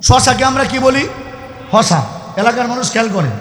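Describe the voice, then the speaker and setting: A man from the Mymensingh region of Bangladesh preaching to a crowd, shouting and firing questions back at his listeners. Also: very high voice, fast. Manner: shouting, call-and-response questions to the audience. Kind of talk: Islamic sermon to a crowd. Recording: echoey hall reverb from PA.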